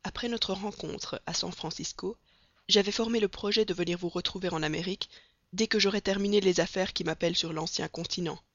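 A reader voicing a cool, polite English gentleman. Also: mid-range voice, brisk, no room sound. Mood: calm. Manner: calm and polite. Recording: dull, dry recording.

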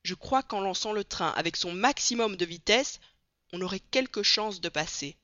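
A reader voicing a confident train engineer in an audiobook, calm and matter-of-fact. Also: medium pitch, moderate pace, no echo. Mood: assured. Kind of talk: audiobook character voice. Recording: dry, dull lo-fi read.

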